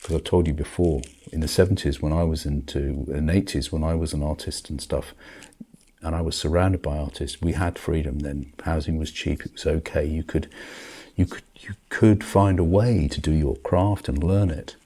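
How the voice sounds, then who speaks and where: A man's voice: a bass voice, steady tone, normal speed, dark tone, husky. An older man in a grumpy, world-weary back-in-my-day rant, commenting on the world with emphatic outbursts. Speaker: video commentator.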